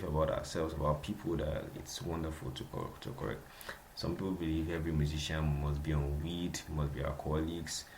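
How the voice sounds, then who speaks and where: A man's voice: rumbling low, slight background noise. A young Nigerian man with a Nigerian accent, hosting a casual solo podcast, chatty and repeating himself, laughing often. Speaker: podcast host.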